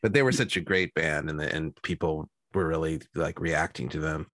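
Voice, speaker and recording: A man co-hosting a podcast who speaks haltingly and searches for his words. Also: very deep voice, a bit bright, no echo. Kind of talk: casual interview.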